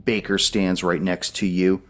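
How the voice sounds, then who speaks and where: A man's voice: low-pitched, flat delivery, a little slow. A man narrating a tabletop role-playing game as game master, guiding players through rules and scenes.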